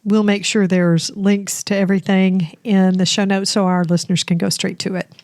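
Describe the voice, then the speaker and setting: Female podcast co-host, average pitch, effusive, congested post-cry voice, dry sound. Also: little pitch movement, normal speed, darkish tone, no room sound. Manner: effusive, addressing listeners directly. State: congested from recent crying. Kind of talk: conversational hosting.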